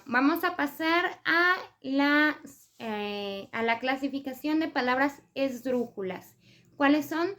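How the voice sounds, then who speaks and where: A woman's voice: high-pitched, a bit bright. A woman presenting a spelling lesson for writers, explaining step by step with examples and frequent hesitation fillers. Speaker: writing tips presenter.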